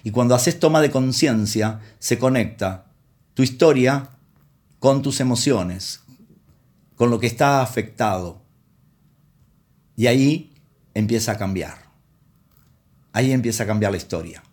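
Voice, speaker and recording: A man's voice: mid-range voice, a little slow, long pauses, a little mellow. Man preaching, conversational tone. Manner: conversational, acts out quoted voices. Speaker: pastor and counselor. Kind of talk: sermon with personal anecdotes.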